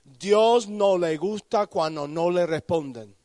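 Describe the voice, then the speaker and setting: A man preaching a sermon at a youth conference, asking listeners questions by name and swinging from quiet low warnings to high shouted pleas. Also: slow pace, dry recording, clean studio sound. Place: conference hall.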